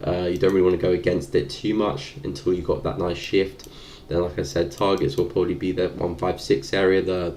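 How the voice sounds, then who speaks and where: A young Londoner with a very low, gravelly, creaky voice thinks aloud in a relaxed way, like he's commenting on a live stream. There's slight background noise.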